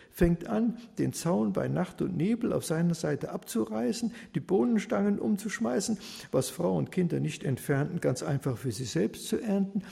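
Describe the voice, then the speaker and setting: A man telling a story in rhyming verse with a lively, rhythmic delivery. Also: a little high, gravelly, in a large hall.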